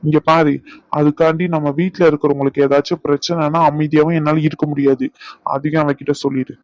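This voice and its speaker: A man plays a hot-headed young husband in a cartoon, blunt and quick to flare up. The voice sits a touch high, recorded dry with dull, muffled sound. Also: level tone, no echo, lightly acted. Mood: sulky. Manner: blunt, quick to anger, then pleading. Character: hot-tempered young husband, protective of family. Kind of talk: cartoon voice acting.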